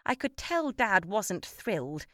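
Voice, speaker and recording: A woman narrating a children's story with an expressive read-aloud manner. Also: medium pitch, slow, dry recording, clean studio sound. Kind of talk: storybook reading.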